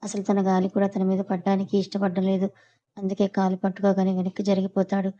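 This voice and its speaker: Woman reading a romance audio serial, quick and kinda flat, dark mellow voice. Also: mid-range voice, lo-fi sound. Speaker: storyteller. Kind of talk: scripted audio-novel narration.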